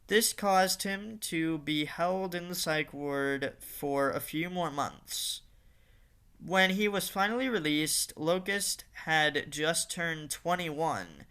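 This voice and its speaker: A man's voice: on the high side, bright, forceful tone, clear, resonant tone. A man narrating a fan-made story in a casual reading style, with occasional fillers and restarts.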